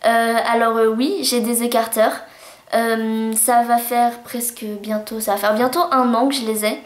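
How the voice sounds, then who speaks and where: A woman's voice: fairly high pitch, flat delivery, a little slow. Chatty bubbly woman in an echoey room. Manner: chatty and bubbly, gushing with cutesy words. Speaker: beauty vlogger. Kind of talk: casual monthly favourites vlog. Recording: roomy echo.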